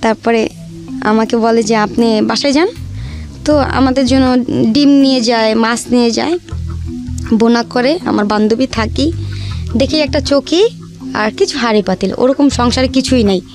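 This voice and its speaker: At normal speed but with long pauses, a young woman with a fairly high voice and a Bangladeshi accent chats about her life. She speaks colloquially and performs the dialogue as she goes, with background music in the background.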